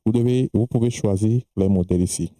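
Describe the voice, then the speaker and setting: A man presenting a screen-recorded software tutorial, talking hesitantly with many fillers and restarts, not a native French speaker. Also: on the low side, fairly quick, no echo, low-quality recording.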